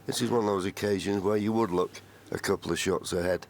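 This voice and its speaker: Gravelly, very low male snooker commentator. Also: steady tone, fast talker. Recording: faint live arena noise.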